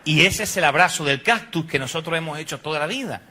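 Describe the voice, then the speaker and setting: A man's voice: fairly high pitch, expressive, fast, bright, forceful tone, slight background noise. A middle-aged Argentine man preaching a humorous sermon, telling stories with acted voices and sound effects. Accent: Argentine Spanish. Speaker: pastor.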